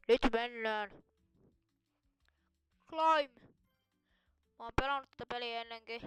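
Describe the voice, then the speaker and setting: Chatty girl-voiced woman narrating her game, really high pitch, dry close sound. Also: a bit bright, no echo, low-quality recording. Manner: chatty, rambling, thinks aloud. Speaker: gamer. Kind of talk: casual gameplay commentary.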